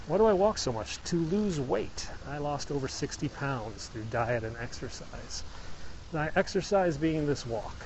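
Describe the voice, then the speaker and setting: On poor audio with a little hiss or hum, a Midwestern vlogger from Illinois walks a mountain road while live-streaming his hike. His fairly high voice is animated yet measured as he chats, explains, and responds to viewers.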